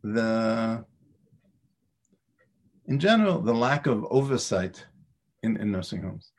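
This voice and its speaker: A man's voice: lowish voice, expressive, takes it slowly. A man teaching a Torah class, with lots of stammered restarts and rhetorical questions. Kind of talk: lecture on Pirkei Avot.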